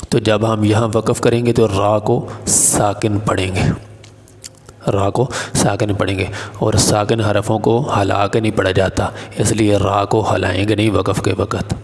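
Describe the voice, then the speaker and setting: Slow-chanting man teaching Quran reading. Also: fairly low pitch, darkish tone, in a large hall. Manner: spells letters and vowel marks, then chants syllables slowly and drawn out. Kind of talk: step-by-step recitation lesson.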